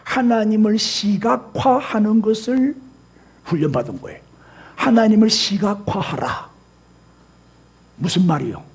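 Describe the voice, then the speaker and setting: Husky high-voiced pastor. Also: male voice, lively intonation, measured pace, long pauses. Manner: emphatic, asks the congregation rhetorical questions. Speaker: senior pastor. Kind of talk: sermon.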